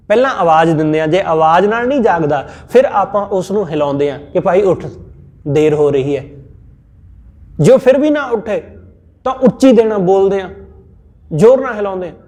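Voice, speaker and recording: A man with a Punjabi accent giving a scripture sermon, teaching in a measured, repetitive way with everyday examples. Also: high voice, dark tone. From India. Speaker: Sikh scripture preacher. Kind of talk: sermon-style scripture exposition.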